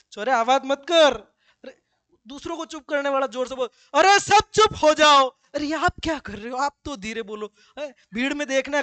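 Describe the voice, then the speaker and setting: A man's voice: very high-pitched, a bit bright, dry recording. A male teacher giving a classroom grammar lesson, with joking asides and slips into local dialect.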